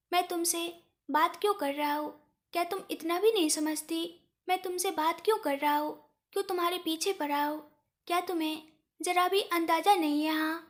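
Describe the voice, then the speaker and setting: Woman reading as angry possessive young guy, harsh demanding questions, storybook, very high voice. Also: steady tone, normal speed. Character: angry possessive young man, college senior. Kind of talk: storybook read-aloud.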